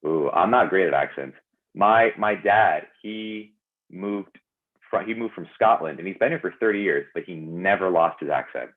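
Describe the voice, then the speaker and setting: A man's voice: sits low, moderate pace. A man who works as an actor, chatting as an interview guest in an upbeat way, filling his speech with "like", heard over a remote call. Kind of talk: casual interview chat. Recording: tinny phone-like call audio.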